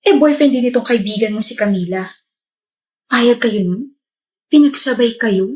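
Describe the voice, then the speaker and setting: A woman's voice: on the high side, normal speed, darkish tone. A woman acting in a comedy skit, talking in a sassy, mocking way.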